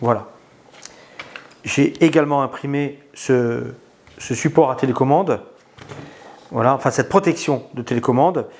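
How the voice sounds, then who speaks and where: A man talks through a hands-on product review in a relaxed, unscripted way. He hesitates often, restarts phrases and fills pauses with drawn-out filler sounds. His pitch sits in an ordinary middle range. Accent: non-native in English words.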